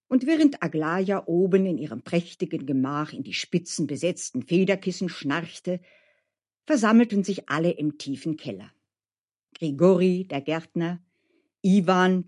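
A storyteller reading a fairy tale aloud with lively rising and falling emphasis. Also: medium pitch.

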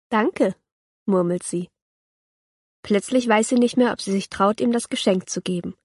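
Woman reading a kids' audiobook, calm and clear, mid pitch, dry close mic. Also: no echo. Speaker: narrator.

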